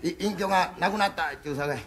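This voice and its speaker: A man voicing a clumsy, dim-witted Osaka man who rambles loudly, with an Osaka accent, in rakugo storytelling. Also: sits high, rapid-fire. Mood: rambling.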